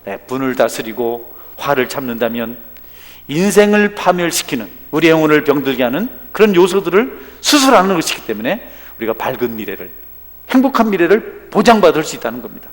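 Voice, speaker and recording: Male pastor, lively pitch, long hall reverb. Animated sermon delivery with sudden loud peaks. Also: a little fast. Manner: animated preaching with dramatic swings in loudness. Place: church sanctuary.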